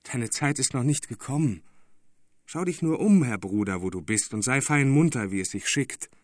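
A man voicing a stern, commanding mesmerist who scolds loudly and forcefully in an audiobook. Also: mid-range voice, expressive, moderate pace, dry recording, clean studio sound, close to an everyday voice. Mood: rousing.

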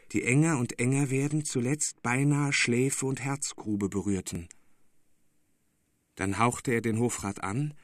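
A man reading an old story aloud as a narrator, measured and expressive. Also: mid-range voice, no echo, studio quality. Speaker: audiobook narrator. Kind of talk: scripted narration.

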